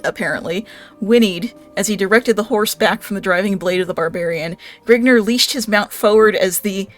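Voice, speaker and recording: A woman co-hosting a live stream, reading a book aloud with wisecracking, swearing asides. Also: mid-range voice. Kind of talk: comic read-aloud with running commentary.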